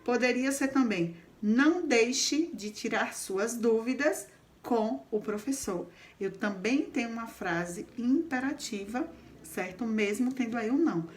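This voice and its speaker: A woman's voice: on the high side, expressive, a little slow. A woman teaching a grammar lesson, explaining step by step and often checking in with the class. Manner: explains patiently, checks in with frequent "certo?".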